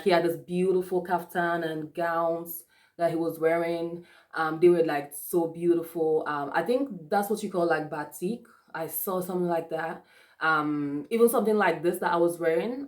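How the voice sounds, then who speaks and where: A young African woman vlogs a casual movie review in a lowish, slightly mellow voice. She's chatty and laughs often, her speech packed with fillers and restarts.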